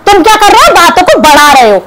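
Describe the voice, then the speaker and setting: Speaking fast in a very high, sing-song voice, this young woman vlogger delivers scolding, sarcastic reaction commentary straight to camera. Background noise is clearly present in the recording.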